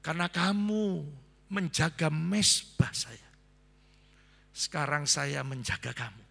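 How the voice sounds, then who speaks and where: A male pastor preaching a sermon to a congregation, animated and acting out the voices in his stories. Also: a little high, slow pace, gravelly, breathy edge. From Indonesia. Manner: animated, acts out quoted voices, addresses the congregation as "saudara". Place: large church hall. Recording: long church-hall reverb.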